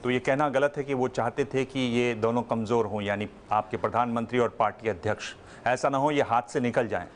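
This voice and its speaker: A male journalist presses with pointed follow-up questions at a press conference. His pitch sits in the middle for a man, and faint noise runs behind him. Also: brisk.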